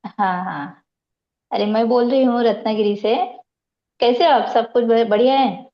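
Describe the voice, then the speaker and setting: A woman taking part in a live online training, role-playing a casual phone call with hesitant pauses. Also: a little high. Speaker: training participant. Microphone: video call. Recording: dull video call audio.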